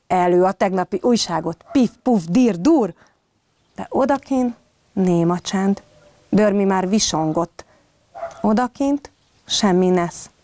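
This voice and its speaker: A kindergarten teacher, a woman, gently reading a children's story aloud from home. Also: medium pitch, a little hiss or hum. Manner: gentle, addressing young children.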